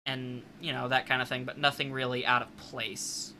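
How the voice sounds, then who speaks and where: A man's voice: medium pitch, flat delivery, moderate pace, pushed and bright, a little hiss or hum. A man narrating as game master, loosely improvising the scene with frequent fillers.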